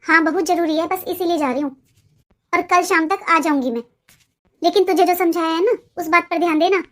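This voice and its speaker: A woman's voice: very high-pitched, steady tone, fairly quick, a bit bright. A lecturing cartoon mother-in-law. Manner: lecturing, advising. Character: mother-in-law, scolding but caring grandmother. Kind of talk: cartoon voice acting.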